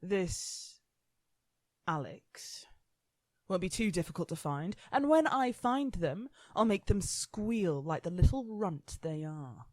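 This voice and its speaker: A woman's voice: lowish voice, lively intonation, slow pace, darkish tone, no echo. A woman playing War, a gleefully menacing, smug immortal gang boss with a taunting, sweary manner, in a radio play. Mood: gleeful menace.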